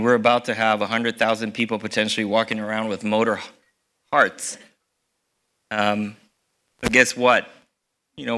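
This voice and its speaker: A man's voice: lowish voice, pushed and bright. A middle-aged man from Rica, a surgeon giving an earnest conference talk with fillers and restarts. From Costa Rica. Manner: earnest, fillers and restarts, stresses key words. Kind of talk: conference presentation.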